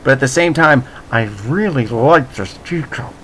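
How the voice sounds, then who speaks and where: A man of middle pitch chatting loosely with his audience, full of sarcasm and playful teasing. He rambles, restarts sentences and breaks into mock-dramatic declarations before laughing them off. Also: lively intonation, measured pace, bright, forceful tone, slight background noise. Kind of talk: casual chat.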